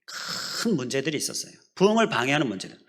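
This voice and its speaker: A man's voice: mid-range voice, big pitch swings, fast, fairly bright tone. A middle-aged man preaching a sermon as pastor, explaining scripture step by step and asking the congregation questions. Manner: leads the congregation in repeating phrases.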